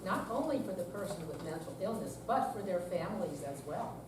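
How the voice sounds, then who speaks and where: Playing a seventy-year-old in a staged reading, an older actress speaks deliberately and by the script, confiding and earnest, tired yet determined. Her lowish voice is close to everyday speech, recorded live from a distance in a very echoey senior center room with steady background noise.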